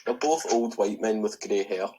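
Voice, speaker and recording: A man's voice: lowish voice, normal speed, noisy background. A man co-hosting a casual podcast, dry and sarcastic, and he swears. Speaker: podcast co-host. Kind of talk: casual chat.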